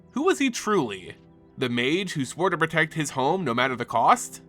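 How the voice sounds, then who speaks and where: Against background music, a man with a slightly high, sharp-toned voice hosts and narrates scripted fantasy lore. His storytelling is theatrical and earnest.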